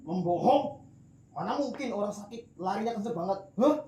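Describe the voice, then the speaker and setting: An actor playing an angry villager who jeers and accuses, recorded with roomy echo. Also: male voice, high voice, lively intonation, moderate pace, dark tone. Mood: jeering. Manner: jeering, accusing. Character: angry villager mob member.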